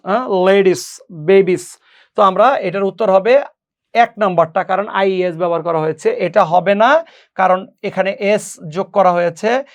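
A Bangladeshi man in a recorded exam-coaching lesson, explaining English grammar patiently, repeating key points and mixing English into his talk. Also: high voice. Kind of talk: recorded lecture explaining past exam questions.

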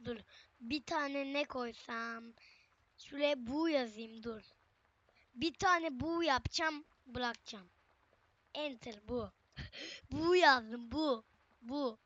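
A woman's voice: high-pitched, slow pace, long pauses, fairly bright tone, dry recording, lo-fi sound. A young woman giving casual, chatty gameplay commentary, often exclaiming and talking straight to her viewers. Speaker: gaming channel host.

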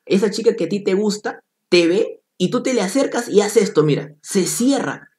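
A male biology teacher with a Peruvian Spanish accent leads a lively exam-prep class, repeating key points and calling students by name. His voice sits a bit higher than most men's, and he keeps the tone playful and direct. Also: moderate pace.

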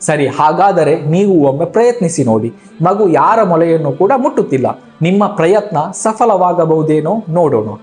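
A man's voice: on the high side, expressive, moderate pace, darkish tone, soft background music, natural voice. A man voicing a gracious, caring queen in a storybook telling, in an earnest, pleading manner. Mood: gentle.

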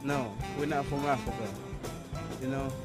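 A man answering interview questions in a relaxed, conversational way, repeating "you know what I'm saying". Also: medium pitch, moderate pace, over music. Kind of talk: casual street interview.

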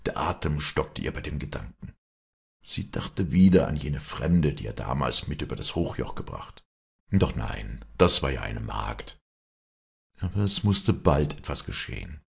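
A man reading a novel aloud as an audiobook, in measured, expressive storytelling. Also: extremely low pitch, vocal fry, breathy edge. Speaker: audiobook reader. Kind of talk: audiobook narration.

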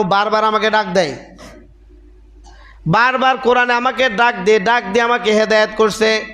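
High-voiced preacher in echo. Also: male voice, a bit bright. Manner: rhetorical questions to the congregation; emphatic, repetitive preaching cadence. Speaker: mufti preaching. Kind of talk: Friday sermon.

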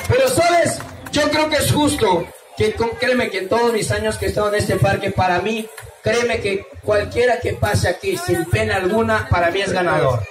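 Silly high-pitched clown man hosting outdoors. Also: normal speed. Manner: silly clown patter, teasing and hyping the crowd. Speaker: street clown, show host. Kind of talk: comic street show hosting with audience participation. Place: outdoor town plaza by a bandstand at night. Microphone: far camera. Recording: outdoor crowd noise, loud music, distant echoey mic. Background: loud music and crowd.

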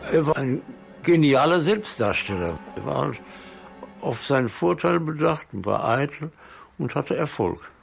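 Eyewitness interviewee, male, 80s, gravelly, halting conversational recollection, music underneath. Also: on the high side, big pitch swings. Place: dark indoor interview studio.

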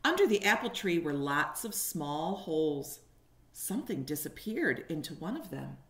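A low-pitched, very animated woman speaks at normal speed while reading a picture book aloud to young listeners and asking them questions. She's a kindergarten teacher around her forties, filmed on a home webcam in her living room with a roomy echo.

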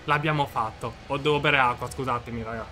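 A man giving excited live commentary on his own football video game match, shouting and repeating himself in disbelief. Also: medium pitch, brisk, over music. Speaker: gaming video creator.

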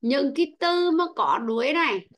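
A woman's voice: high-pitched, very animated, normal speed, a bit bright. A woman teaching an online English lesson, patiently calling on pupils by name and explaining word stress. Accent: Vietnamese.

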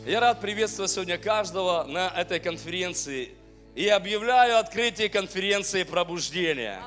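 Fervent high-voiced man leading worship. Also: animated, moderate pace, a bit bright, soft background music. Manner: fervent, exclaiming praise, then earnest exhortation. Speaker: worship leader and church host. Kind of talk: worship leading and sermon-style welcome. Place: large church hall stage with band. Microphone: handheld mic.

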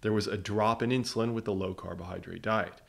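Male science explainer, lower pitch, punchy rhetorical delivery. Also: fairly even intonation, a little fast, creaky, fairly bright tone. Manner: emphatic, rhetorical questions. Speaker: science educator. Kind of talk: scripted explainer narration.

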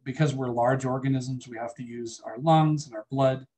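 Warm and steady, a man's mid-range voice carries a classroom biology lecture at a moderate pace. He keeps it conversational, chatting with the class and asking students questions.

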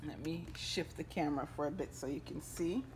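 Here the cooking host speaks low and briskly, with a slightly mellow tone, as she talks folksily to viewers over the stove. The handheld phone recording carries a faint hiss or hum.

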